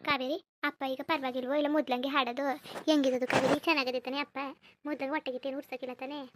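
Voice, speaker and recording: A woman's voice: sits high, flat delivery, fast, heavy background noise, lightly acted. A woman voicing a caring, chatty married elder sister in a cartoon. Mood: concerned. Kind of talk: cartoon voice acting.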